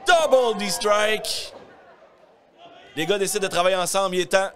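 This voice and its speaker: Excited high-pitched Quebec French wrestling commentator, male. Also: moderate pace. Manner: excited, exclamatory, often shouting. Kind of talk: live wrestling play-by-play commentary. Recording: live event with crowd noise.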